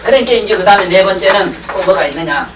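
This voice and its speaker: A man's voice: high-pitched, quick pace, recorded from a distance. A man lectures on Chinese classics to a class, rambling from point to point, cracking jokes and checking that his listeners follow. It sounds like an old 1990s lecture tape. The room is echoey, the mic sits well away from him, and a faint hiss runs underneath.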